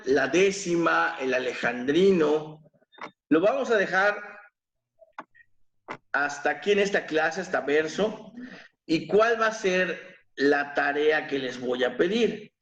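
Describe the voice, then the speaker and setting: A man teaching an online literature class, explaining slowly and patiently, with fillers and self-corrections. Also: fairly high pitch, a bit bright. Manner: slow, explanatory, counting syllables aloud with fillers and self-corrections. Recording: echoey room.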